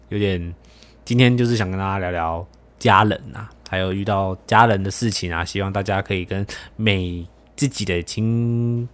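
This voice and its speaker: A young man hosting a casual podcast chat, animated and teasing, swearing casually. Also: deep voice. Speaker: podcast host.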